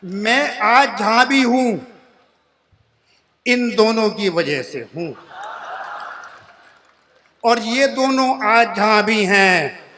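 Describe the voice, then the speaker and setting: At a live poetry event, a man in his sixties performs funny poems and tells stories, chatting with listeners like friends and repeating each couplet line before its punchline. His high voice is pushed and bright, expressive, and extremely slow, with frequent pauses. There's slight background noise.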